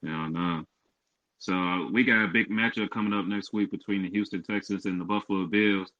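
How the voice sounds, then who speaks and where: A man's voice: sits low, steady tone, normal speed, a bit bright. A man co-hosting a podcast, talking sports in a laid-back, casual way and often repeating himself. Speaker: podcast co-host. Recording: muffled lo-fi podcast audio.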